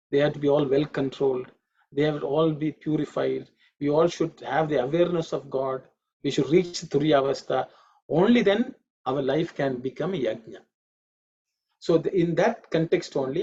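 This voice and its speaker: Male Sanskrit teacher, gravelly and slightly raised voice, patient drilling, dull lo-fi line. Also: a little high, a little mellow. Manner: patient, repeats pronunciations slowly. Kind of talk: online class lecture. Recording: dull lo-fi audio.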